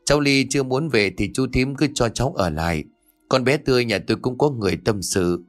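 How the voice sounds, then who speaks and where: A man's voice: mid-range voice, lively intonation, a little fast, faint music behind, lightly acted. A man voicing a grief-stricken elderly father, weary and pleading, in a ghost story. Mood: tired.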